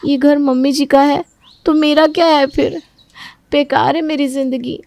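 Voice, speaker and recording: A woman's voice: sits high, fairly even intonation, measured pace, no room sound, voice pushed up. A woman doing a timid young daughter-in-law. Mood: gentle. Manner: soft, timid and apologetic. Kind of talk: cartoon story voice acting.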